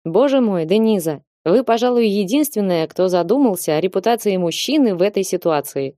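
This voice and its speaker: A woman's voice: mid-range voice, expressive, a little fast, warm tone, no echo, studio quality, lightly acted. A woman voicing a commanding male lord who speaks firmly and with authority in an audiobook. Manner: firm, clipped, authoritative. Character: commanding male lord, steely then gentle.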